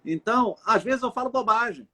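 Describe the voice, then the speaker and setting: Husky high-pitched man, earnest. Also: expressive, fairly quick, bright, forceful tone. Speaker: live stream host, lawyer. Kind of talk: casual chat.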